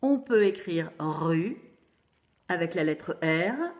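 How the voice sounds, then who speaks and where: A woman teacher giving a phonics lesson to young children, slowly spelling out syllables and praising them. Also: on the low side, expressive. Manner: slow, encouraging, syllable by syllable. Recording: roomy, dull lo-fi sound.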